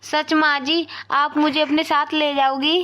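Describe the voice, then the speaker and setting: A woman voicing a gentle, grateful young woman who has lost her memory, talking softly, politely and earnestly in a cartoon. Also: high voice, flat delivery, unhurried. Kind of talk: cartoon voice acting.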